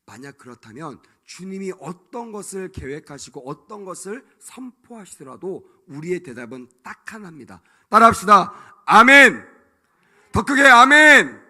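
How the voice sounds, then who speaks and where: Animated, bright-voiced male preacher. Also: sits high. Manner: emphatic, acts out quoted voices, calls for amens. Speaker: pastor. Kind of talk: sermon.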